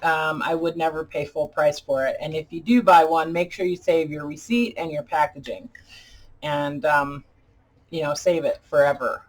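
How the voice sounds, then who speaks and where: A woman chatting casually as a craft video host, halting and deliberate, her speech slightly impeded by dentures as if her mouth were full of peanut butter. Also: low voice, steady tone. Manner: halting, deliberate, pausing often. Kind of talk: casual chat tutorial.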